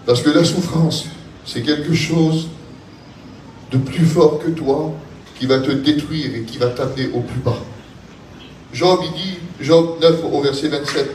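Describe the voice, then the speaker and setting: A man with a southern French accent preaching a sermon in an impassioned, repetitive cadence that builds to shouting. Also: a little high, a little slow, pauses often, slight background noise. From France. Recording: echoey hall, voice from a distance, faint ambience.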